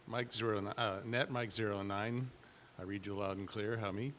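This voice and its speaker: A man's voice: fairly low pitch, steady tone, normal speed, fairly bright tone. A man answering a comm check over a handheld two-way radio, in brief, formal radio procedure phrasing. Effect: voice heard over a handheld two-way radio. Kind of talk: clipped radio procedure talk.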